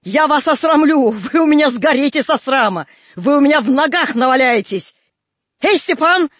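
A man's voice: fast talker, dry recording, natural voice. A man reading a storybook, voicing an enraged young peasant wife who shrieks and rants at her in-laws. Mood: furious shouting. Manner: shrill, loud, ranting.

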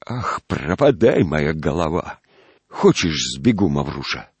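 Sulky trembling young peasant recruit, read by a man, low voice, dry close sound, storybook. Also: big pitch swings, slow, slightly rough, dry recording, heavily acted. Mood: reckless sulky.

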